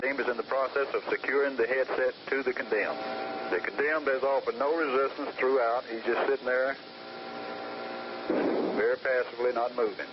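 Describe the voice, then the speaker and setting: A man's voice: mid-range voice, fairly even intonation, normal speed. A man giving a formal, matter-of-fact step-by-step account of an execution, heard on an old archival recording over a phone line. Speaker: prison official reporting an execution by phone. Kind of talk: steady step-by-step procedural commentary. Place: prison execution facility. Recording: muffled, hissy 1980s archival tape.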